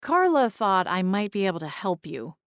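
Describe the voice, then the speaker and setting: A woman playing a kindly, reassuring ghost-seer with gentle conversational delivery in an audiobook. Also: mid-range voice, very animated, normal speed, no room sound, clean studio sound. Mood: gentle, sympathetic. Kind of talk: audiobook character dialogue.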